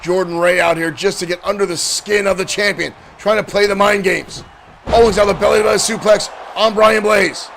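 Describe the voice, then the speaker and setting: Doing excited play-by-play for a digital wrestling show, this man shouts at the big moments and is losing his voice. He speaks a little fast in a high-pitched, creaky voice, with a little hiss or hum in the recording.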